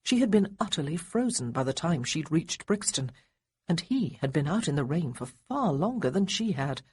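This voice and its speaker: A woman narrating a historical romance audiobook in an expressive storytelling manner. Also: low-pitched, normal speed, slightly rough. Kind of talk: scripted narration.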